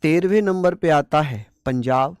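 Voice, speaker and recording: A man's voice: a little high, a little slow, a little mellow, clean tone, no room sound. A man teaching an exam-prep class, who asks questions and answers them himself in a repetitive call-and-response way, with playful mnemonics and scolding asides. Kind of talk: online coaching class lesson.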